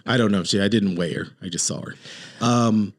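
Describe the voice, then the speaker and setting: A man's voice: fairly low pitch, fairly quick, dry recording, studio quality. A man hosting a podcast, chatting casually about sports in an opinionated, rambling, joking way. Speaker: podcast host.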